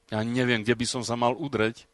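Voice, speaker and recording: A man preaching a sermon phrase by phrase for an interpreter, emphatic, swinging from loud to quiet, asking rhetorical questions. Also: mid-range voice, flat delivery, fairly quick, no echo. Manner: emphatic, rises and drops in volume, rhetorical questions.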